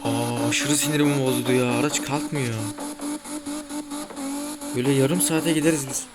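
A man's voice: medium pitch, animated, normal speed, over loud music. A man giving casual gameplay commentary, chatting to viewers and grumbling as he plays. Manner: chatty, grumbling, talks to viewers while playing. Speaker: gaming YouTuber. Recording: loud car game sound behind voice. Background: racing game engine and tire noise.

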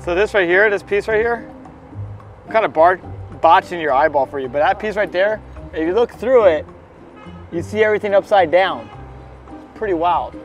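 A man's voice: high-pitched, normal speed, long pauses, faint music behind. A man in his thirties, a fishing captain hosting a casual vlog, teasing and laughing outdoors on a boat and a dock. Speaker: fishing captain and channel host.

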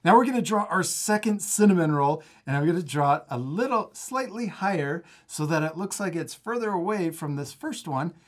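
A man in his thirties, a drawing instructor and host, gives children a casual step-by-step drawing lesson at a table in an indoor studio, encouraging them and often chuckling. His fairly high voice is expressive, at normal speed with hardly any pauses.

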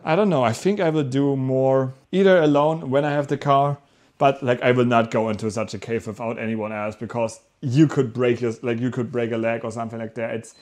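A young man from Germany talking casually to camera as a vlog host, telling his story in an animated, rambling way with self-corrections. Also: mid-range voice, fairly quick. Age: young adult. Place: small rooms at home, indoors.

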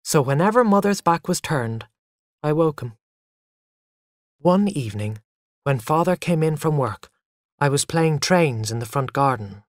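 A narrator telling a first-person story for English learners in a lively way. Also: medium pitch, a little slow, long pauses, no echo, clean studio sound.

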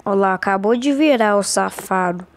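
A woman's voice: mid-range voice, normal speed, no room sound. Casting: Brazilian woman as a scared horror game streamer, mid-range voice, casual and anxious. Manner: scared, anxious, repeating short phrases. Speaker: gaming streamer.

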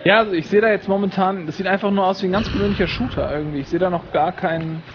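Man from northern Germany, games show host, high voice, teasing, faint hum. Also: fairly even intonation, racing, highs cut off. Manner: teasing, goading. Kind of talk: casual on-air banter.

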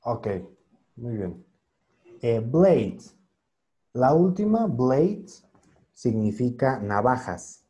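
A man's voice: medium pitch, sing-song, very slow, long pauses, mellow. A man teaching an online English class over a video call, patiently spelling out words and translating them.

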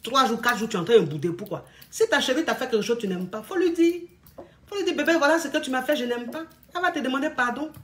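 A woman's voice: sits high, quick pace. Blunt woman coach scolding couples. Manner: blunt, scolding, lively storytelling. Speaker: relationship coach. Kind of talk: casual advice monologue.

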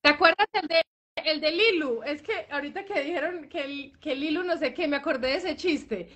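A woman's voice: sits high, brisk, over a noisy crowd. A woman co-hosting a casual chat, playful and teasing as she asks for a joke. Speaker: co-host.

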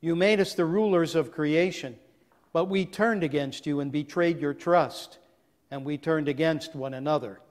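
A man, a priest leading a communion service, reciting the prayer in a slow, solemn, measured way, his voice carried by a long cathedral-like echo. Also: a little high. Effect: long cathedral-like echo around the voice. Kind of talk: chanted liturgical prayer. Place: large church. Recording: long echo in a large church.

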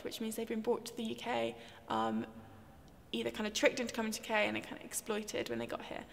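A woman's voice: a little high, creaky. A young woman, a charity worker, explaining her work with occasional ums in an interview inside a church. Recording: reverberant church.

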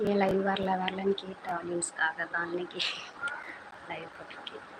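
A woman's voice: on the low side, level tone, moderate pace. A woman with a Thanjavur Tamil accent hosting a casual live stream from a phone, chatty and rambling, teasing her son off to the side. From Thanjavur, Tamil Nadu. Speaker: channel host on a live stream. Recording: noisy home live-stream audio.

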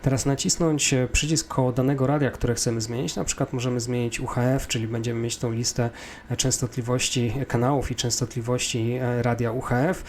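A man's voice: medium pitch, steady tone, fairly quick. Male Polish tutorial instructor, methodical step-by-step explainer, off-the-cuff delivery, faintly noisy recording. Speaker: flight simulator tutorial instructor.

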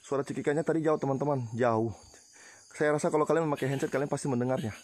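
A man's voice: mid-range voice, steady tone, fast talker, a little mellow, a little hiss or hum. Tired, jumpy man on a night ghost hunt. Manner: jumpy, nervous exclamations and whispered prayers. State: tired, worn out. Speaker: ghost-hunting vlogger. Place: outdoors at night among banana plants.

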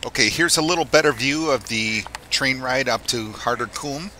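Speaking at normal speed in a bright, forceful mid-range voice, this middle-aged man narrates a casual travel vlog with chatty enthusiasm, showing viewers a canal and a mountain train. Recorded outdoors on a camera mic, the clip carries crowd, train and street noise.

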